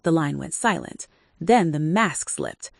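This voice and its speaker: Woman narrating a dramatic story in a low voice. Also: huge pitch swings, measured pace, gravelly, slightly rough, dry recording, studio quality.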